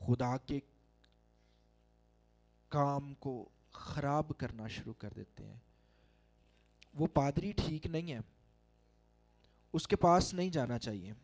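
A middle-aged Pakistani pastor with a Pakistani Urdu accent, preaching a sermon into a handheld mic in a large church hall, with emphatic calls to the congregation. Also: male voice, medium pitch, expressive, takes it slowly, long pauses, a little mellow. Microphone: handheld microphone.

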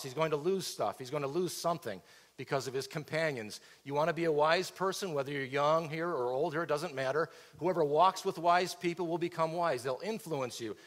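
Middle-aged pastor preaching in a hall. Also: male voice, on the high side. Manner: expository preaching with rhetorical questions, pacing the stage. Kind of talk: sermon. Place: large church auditorium stage. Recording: reverberant church hall.

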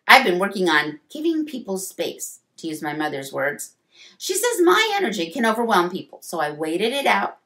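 A woman, a children's librarian, reading a storybook aloud with expressive voices for the dialogue. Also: lowish voice.

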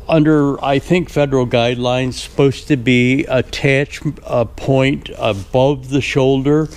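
Slow, halting man in a workshop. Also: medium pitch, a little mellow. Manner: halting, many fillers and throat clearing. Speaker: restoration shop owner. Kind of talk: casual shop update vlog. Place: large indoor workshop garage. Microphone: action camera on head or chest.

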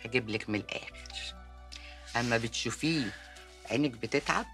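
A domineering Egyptian aunt who demands straight answers from her niece and threatens whoever hurt her. Her voice is bright and sharp. Faint background music runs under the scene. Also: a bass voice, a little fast. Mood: commanding. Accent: Egyptian Arabic. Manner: commanding, interrogating, blunt. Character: bossy, protective neighborhood aunt.

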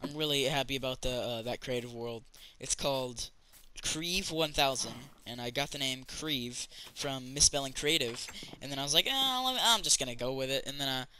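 Bright-voiced rambling gamer guy. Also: mid-range voice, moderate pace, hardly any pauses, a little hiss or hum, rough recording. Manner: rambling, chatty, many fillers and restarts. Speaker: gaming channel host. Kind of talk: casual let's-play commentary.

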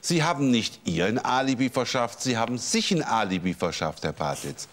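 An actor playing a lawyer in a scripted courtroom show who grills a witness with pointed sarcasm. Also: male voice, medium pitch, sing-song, moderate pace, fairly bright tone, a little hiss or hum. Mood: accusing.

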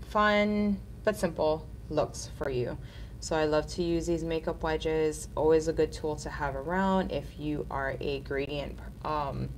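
A woman in her thirties hosts a casual live nail art tutorial, chatty and upbeat. Her low-pitched voice sounds nasal from a cold, with slight background noise.

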